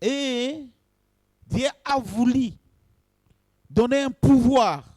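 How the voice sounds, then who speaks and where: A man's voice: very high voice, drawn-out words, darkish tone, dry recording. A man, a pastor, preaching a sermon in short phrases and addressing his congregation directly.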